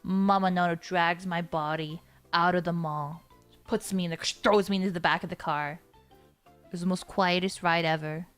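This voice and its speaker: A young woman streamer telling a story animatedly, laughing and swinging between hushed whispers and squeals. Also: lowish voice, steady tone, moderate pace, clear, resonant tone, soft background music. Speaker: vtuber streamer.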